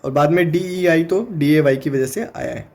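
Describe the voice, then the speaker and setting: A man with an Indian accent teaching an exam-prep phonetics lesson, explaining step by step and sounding words out slowly. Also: a little high, vocal fry, a little mellow.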